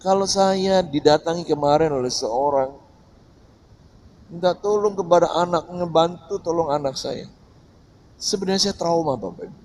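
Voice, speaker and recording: A man preaching a Sunday church sermon as pastor, dropping to a hush and then rising to loud, emphatic preaching. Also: fairly high pitch, slight background noise. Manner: swings between hushed and loud, emphatic preaching. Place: church service.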